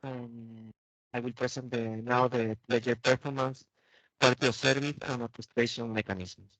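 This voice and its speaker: A man's voice: medium pitch, steady tone, moderate pace, fairly bright tone, dry recording. A man giving a formal project presentation over a video call, his audio choppy and breaking up as the connection drops out. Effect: choppy audio breaking up over a bad call connection. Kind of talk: online conference presentation. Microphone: remote video-call microphone. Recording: dull, lo-fi, distant call audio.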